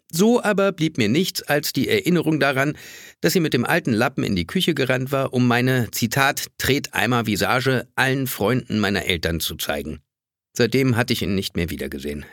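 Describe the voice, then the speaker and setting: Expressive man narrating wryly. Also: mid-range voice, no echo, studio quality. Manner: wry, expressive first-person storytelling. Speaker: audiobook narrator. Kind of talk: scripted narration.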